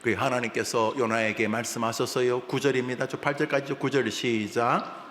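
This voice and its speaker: A male pastor preaching a sermon in a church, moving between calm Scripture reading and loud, animated outbursts. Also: mid-range voice, moderate pace, background noise. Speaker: senior pastor. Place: large church sanctuary. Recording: echoey hall reverb.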